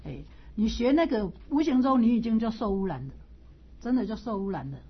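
Woman teacher, husky voice, higher pitch, dull lo-fi recording, explanatory lecture. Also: animated, a little fast. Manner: repetitive, storytelling, with chuckles. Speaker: teacher of classical texts.

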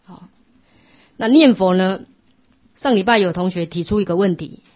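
A middle-aged woman, giving a patient, instructive Buddhist class lecture that often drops to a soft hush. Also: mid-range voice, moderate pace. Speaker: Buddhist teacher. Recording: lo-fi muffled recording.

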